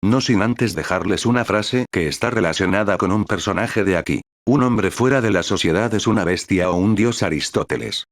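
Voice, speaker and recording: Low-voiced man narrating a story. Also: normal speed, dry recording, clean studio sound. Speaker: fan fiction narrator. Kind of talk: scripted narration.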